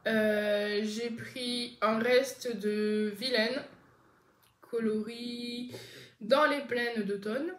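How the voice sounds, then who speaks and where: A woman chats about her knitting projects in an unhurried, meandering way, stopping often to correct herself. Her voice sits a little high and she takes her time. She sounds like she is seated indoors at home, in a room with noticeable echo. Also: fairly even intonation. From France. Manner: chatty, rambling, many fillers and self-corrections. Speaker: knitting podcast host. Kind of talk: casual knitting vlog chat.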